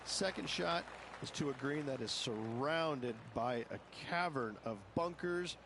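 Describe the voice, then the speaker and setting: A man's voice: mid-range voice, expressive, measured pace. A man voicing a golf commentator for a game, giving descriptive analysis with emphasis on difficulty. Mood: emphatic, descriptive. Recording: clear outdoor ambient noise.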